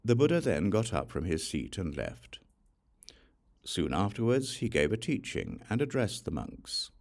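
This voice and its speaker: An audiobook reader with a very low, gravelly, creaky male voice reads aloud from an ancient scripture. His storytelling is deliberate and measured, with lively rises and falls in pitch.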